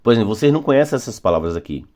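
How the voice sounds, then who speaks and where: Low-voiced patient male English teacher. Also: very animated, darkish tone. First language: Portuguese. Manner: patient, repetitive, drawing out key words slowly. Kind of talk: phonics lesson explanation.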